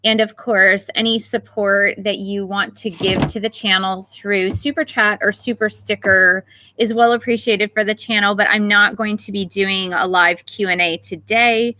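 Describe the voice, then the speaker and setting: Woman host of a spiritual livestream, bright, close dry sound, unhurried and gentle, welcomes chat viewers. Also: mid-range voice, steady tone, no echo. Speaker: meditation teacher and channel host. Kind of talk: livestream talk before a guided meditation.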